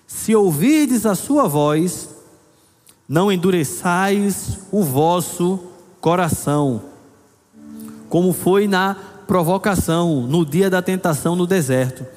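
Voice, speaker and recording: A middle-aged male pastor preaching a sermon, building emphasis and reading scripture slowly. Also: high-pitched, a little mellow. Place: church hall. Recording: long hall reverb with faint music.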